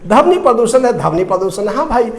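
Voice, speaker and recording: Very high and a little fast, his voice swings widely in pitch. He is an Indian debate commentator with a Bihari accent, speaking impassionedly about politics, hammering points repeatedly and asking rhetorical questions.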